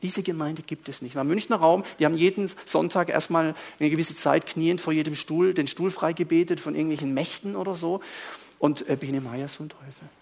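A man preaching to a congregation, telling stories in an animated way that swings between quiet asides and loud outbursts. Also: on the high side, brisk, vocal fry, hardly any pauses. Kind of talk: storytelling sermon.

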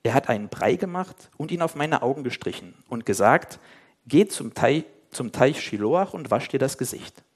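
A plain-spoken man, once blind, recounting his healing step by step in a calm, even voice, as a preacher reads him aloud. The telling is simple and unadorned, a Bible story read to a group. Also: mid-range voice, normal speed, slightly rough. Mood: plain retelling.

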